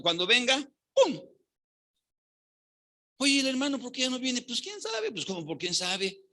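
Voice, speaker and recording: A man's voice: high voice, bright, forceful tone. A man with a Mexican accent preaching a sermon as pastor, fervent and often asking the congregation rhetorical questions.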